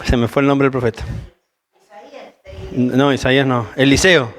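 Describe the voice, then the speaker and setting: A man's voice: medium pitch, level tone, moderate pace. A man with a Rioplatense Spanish accent preaching a conversational sermon, mixing Bible reading with informal asides.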